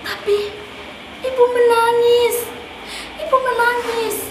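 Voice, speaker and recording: A woman performing a theatrical monologue as an anguished, fatherless daughter, a sorrowful tragic heroine speaking in declamatory phrases with dramatic pauses. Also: extremely high pitch. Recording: distant, echoey, clearly noisy room recording.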